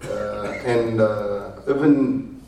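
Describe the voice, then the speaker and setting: A man's voice: lowish voice, mellow, a little hiss or hum. A man testifying at a public hearing, heard on a poor-quality recording. He speaks hesitantly and halts often. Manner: hesitant, halting, with many fillers. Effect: played back from a poor-quality recording of a hearing. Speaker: taxi drivers' association board member testifying. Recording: very echoey, distant hearing-room recording.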